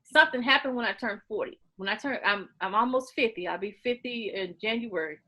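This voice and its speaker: A naturally loud woman in her late forties talks earnestly, and a little preachily, as a guest in a casual interview, repeating herself to make her points. Her voice is a little high, her pace fairly quick, and the recording is low quality.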